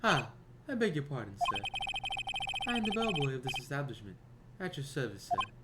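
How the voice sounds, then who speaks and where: A man's voice: mid-range voice, very animated, a little fast, heavy background noise, natural voice. A man voicing a polite, formal male hotel bellboy in a put-on accent while playing a video game. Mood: courteous. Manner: stiff, courteous put-on accent.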